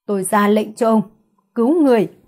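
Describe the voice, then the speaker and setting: A woman's voice: fairly high pitch, fairly quick, a little mellow, husky. A woman reading the lines of a stern, commanding young father in an audiobook. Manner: curt, commanding.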